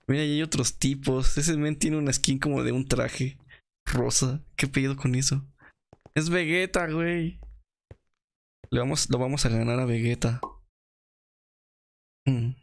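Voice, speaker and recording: A young man with a Mexican accent giving excitable, slangy commentary while playing a game and laughing often. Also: mid-range voice, measured pace, gravelly, pauses often. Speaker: gaming video creator. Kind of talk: casual gameplay commentary.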